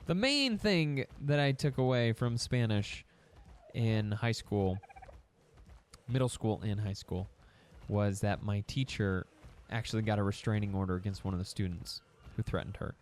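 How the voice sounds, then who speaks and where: Slight background noise sits under a young man's low-side voice as he comments at a moderate pace. A gaming YouTuber and native English speaker, he rambles casually to his in-game pets and audience while playing a survival game.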